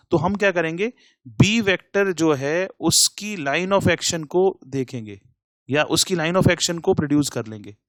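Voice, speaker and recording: Male teacher, slightly high voice, patient question-and-answer explaining, dry recording. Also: no echo. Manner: explains step by step, asks himself questions and answers them. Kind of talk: classroom lecture.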